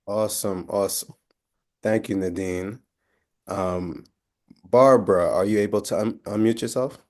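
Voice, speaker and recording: Brief: low male host voice, relaxed, moderating introductions on a call. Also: measured pace. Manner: relaxed, thanks each guest and calls on the next. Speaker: host of the session. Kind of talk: hosting a video call, casual. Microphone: video call.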